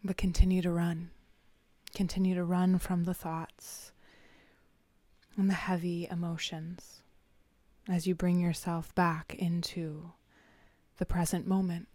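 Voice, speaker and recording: A woman leads a guided meditation in a hushed, half-whispered voice, lingering through long pauses. Her tone is low and mellow and stays almost level from phrase to phrase. The sound is close and dry, with no room around it. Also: little pitch movement, dry recording.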